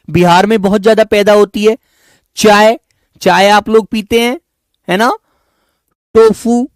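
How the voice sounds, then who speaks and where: A high-voiced man teaching an online exam-prep class, working through example words one at a time. He calls his students his children and keeps checking that they follow. The sound is close and dry. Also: dry recording. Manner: addresses students affectionately as children, frequent "is it not?" checks.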